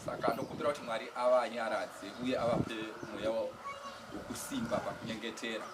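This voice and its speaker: A man giving a church testimony, speaking haltingly and with feeling, often restarting words. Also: medium pitch, steady tone. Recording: distant mic with faint outdoor noise.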